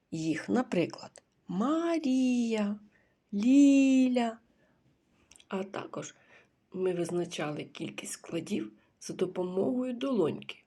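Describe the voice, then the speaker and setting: A woman teacher leads a recorded reading lesson for preschool children at a very unhurried pace, leaving pauses for their answers. Her voice carries a gravelly fry and a husky, breathy edge, and she often slips into a near-whisper. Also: fairly low pitch, dark tone. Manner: slow and patient, pausing for children's answers. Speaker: kindergarten teacher.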